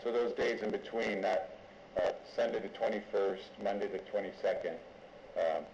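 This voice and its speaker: A male lawyer conducts a formal courtroom examination in a deliberate, halting manner. His voice is on the low side. It echoes strongly in the room, and the recording is somewhat dull. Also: gravelly, darkish tone, slight background noise. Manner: deliberate, halting step-by-step questioning. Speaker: lawyer questioning a witness.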